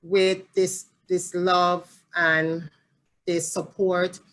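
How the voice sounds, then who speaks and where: A woman with a Jamaican accent, a family support specialist answering interview questions in an earnest, halting way, often rephrasing herself. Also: lowish voice, little pitch movement, a bit bright.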